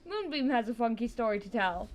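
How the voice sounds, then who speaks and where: A woman's voice: fairly high pitch, animated, fairly quick. A teenage girl narrating a scripted storytime in a chatty, wry way.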